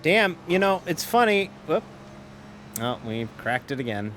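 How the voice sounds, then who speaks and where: A man with a fairly high, sing-song and slightly bright voice talks casually on a live stream while sim racing, with slight background noise. He drifts into rambling between driving calls, often starts sentences over and self-interrupts, and is quick to laugh.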